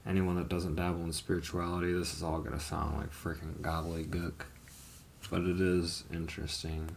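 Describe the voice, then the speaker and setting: A man's voice: low-pitched, level tone, normal speed, vocal fry, a little hiss or hum. A man in his thirties casually telling his life story on a livestream, hesitant and rambling with frequent ums and the odd swear word. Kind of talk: casual live testimony.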